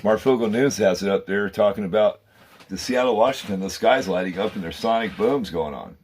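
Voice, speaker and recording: A man's voice: on the low side, brisk, darkish tone, slight background noise. A man hosting his own channel, delivering a rambling, fervent monologue and calling out to viewers as guys and man. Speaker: channel host.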